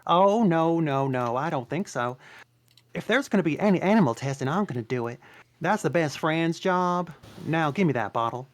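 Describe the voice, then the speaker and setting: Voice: mid-range voice, lively intonation, close to an everyday voice. A performer doing Donkey, motormouthed and fretful. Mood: eager. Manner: fast, fretful and jokey. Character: chatty anxious male donkey sidekick. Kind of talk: table read.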